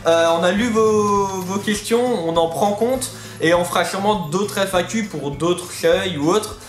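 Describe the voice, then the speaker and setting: This high-pitched man hosts a reptile hobby channel on YouTube, talking a little slowly through a casual, chatty FAQ video. His articulation is atypical with a slight lisp-like impediment, and he rambles and repeats himself. Soft music plays faintly behind him in an echoey room.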